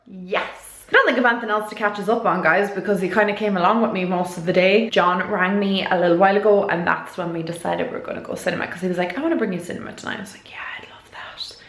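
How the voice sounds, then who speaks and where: A woman's voice: medium pitch, steady tone, very fast, hardly any pauses. A woman with an Irish accent chatting casually to camera as a vlogger, earnest and rambling, often checking that she makes sense.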